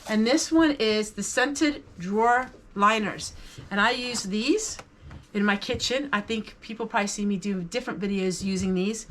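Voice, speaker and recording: This vlog host, a woman, talks through a casual haul with her viewers, enthusiastically appreciating the items she shows. Her voice is mid-range at a moderate pace, and there's slight background noise.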